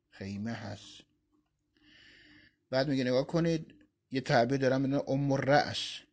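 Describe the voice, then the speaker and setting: A man speaking in a mid-range, darkish tone reads Arabic quotations during a religious lesson and unpacks them phrase by phrase, as in Quran commentary.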